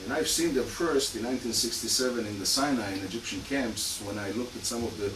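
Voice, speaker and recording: A fast-talking man with a mid-range voice gives an academic lecture as a criminologist, his accent Hungarian and Israeli, packed with fillers and dry asides. The setting is a lecture room that echoes like a hall, captured noisily by a far mic.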